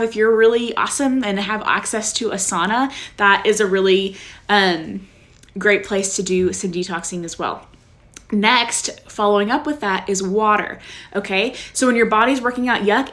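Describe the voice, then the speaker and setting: A bubbly young woman talking at home on a live stream, chatty and easygoing. She keeps checking in with her viewers as she goes, in an everyday mid-pitched voice. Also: a bit bright. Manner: bubbly, chatty, says okay often. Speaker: wellness vlogger. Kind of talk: casual live-stream chat.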